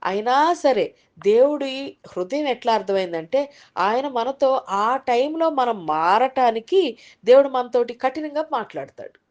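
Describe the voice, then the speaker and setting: A woman's voice: a little high, lively intonation, measured pace, darkish tone. A woman preacher giving a Sunday sermon in a conversational way, sometimes acting out worried inner voices. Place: online group meeting.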